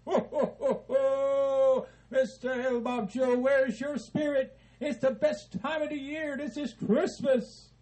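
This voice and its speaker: A man playing a jolly, patient old Santa Claus who talks slowly and soothingly between ho-ho-hos. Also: very high-pitched, fairly even intonation, darkish tone, rough recording. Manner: slow, soothing, chuckling ho ho ho.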